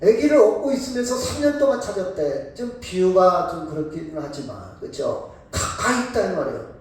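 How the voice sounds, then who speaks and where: High-voiced pastor preaching in an echoey church. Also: male voice, moderate pace. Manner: emphatic, shifts between calm explanation and sudden shouts; asks the congregation questions and calls on members by title. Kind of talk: sermon. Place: church sanctuary. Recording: very echoey church from a distant mic.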